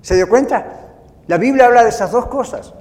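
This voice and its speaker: Man, pastor, high voice, animated sermon, long hall reverb. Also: normal speed. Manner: animated preaching, acts out inner voices.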